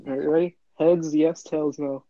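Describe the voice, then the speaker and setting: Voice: medium pitch, steady tone, a little slow, mellow. A speaker chatting casually with friends in a group. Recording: dull lo-fi mic, faint noise, clicks.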